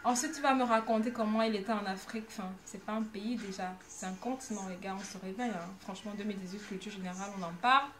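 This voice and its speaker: Animated young woman telling anecdotes. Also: medium pitch, quick pace, hardly any pauses. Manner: animated, ironic, lots of hesitations. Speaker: vlogger. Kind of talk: casual storytelling vlog.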